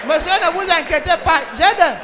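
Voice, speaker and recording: A woman's voice: extremely high pitch, normal speed, a crowd in the background, background noise. A woman playing a bossy, bumbling emergency operator. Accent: Cameroonian French. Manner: scolding, excitable, often laughing and shouting. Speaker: comedian. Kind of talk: comic sketch, one side of phone calls.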